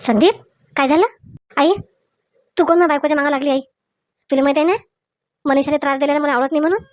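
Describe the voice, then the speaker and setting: A firm young husband who lectures his mother, speaking, as a woman puts him on. The voice stays fairly high and is recorded dry and close. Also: fairly even intonation, fast talker, a little mellow, no room sound, natural voice. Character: young married man, firm protective son.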